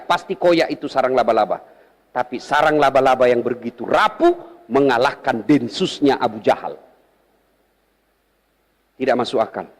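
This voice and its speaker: Man, middle-aged, sermon, storytelling, lively swooping pitch, joking. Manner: animated, jumps to high excited pitch when telling stories, jokes with audience. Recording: long hall reverb.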